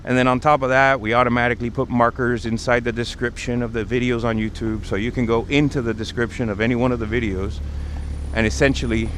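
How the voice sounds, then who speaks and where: Traffic and city ambience surround a man hosting a casual street livestream, where he explains things conversationally. He has a mid-range voice with a fairly bright tone, and passing vehicles add to the outdoor noise.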